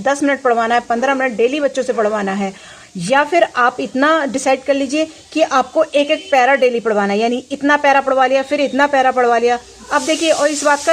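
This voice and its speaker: Patient woman spelling words slowly. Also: high-pitched, slight background noise. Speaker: teacher. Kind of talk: home tutoring lesson.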